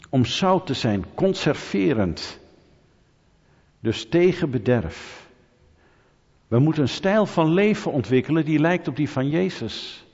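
Delivering a lively sermon, a medium-pitched man tosses rhetorical questions at his congregation and teases those in the pews. His slightly husky voice echoes with long reverb in the church hall, and the audio comes across dull and muffled.

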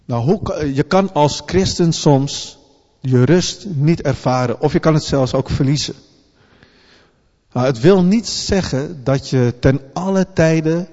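A man's voice: mid-range voice, mellow. Earnest preacher man in a reverberant hall. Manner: earnest, halting, restarts words often. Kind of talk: sermon. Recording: long hall reverb, dull lo-fi sound.

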